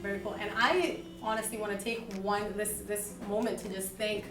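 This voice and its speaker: A woman's voice: mid-range voice, steady tone, moderate pace, music in the background. Upbeat woman host, echoey room. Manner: upbeat and encouraging, lots of "uh" fillers. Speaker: podcast host. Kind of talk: live on-stage interview. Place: event venue with live audience. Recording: echoey venue, distant mic.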